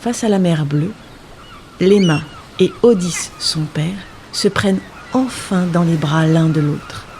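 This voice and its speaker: A woman reading a children's story aloud with expressive, dramatic storytelling. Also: lowish voice, slow pace, a little hiss or hum.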